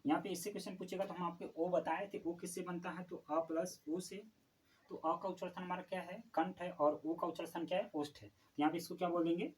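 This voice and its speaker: A man teaching a Hindi grammar lesson for exam preparation, asking questions and answering them himself and repeating key terms slowly. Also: sits high, steady tone, slight background noise, poor audio.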